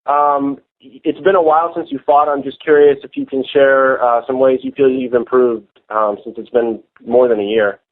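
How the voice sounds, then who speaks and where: Male reporter, average pitch, informal questioning delivery, narrow-band telephone sound. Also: steady tone, moderate pace. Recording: muffled phone conference line.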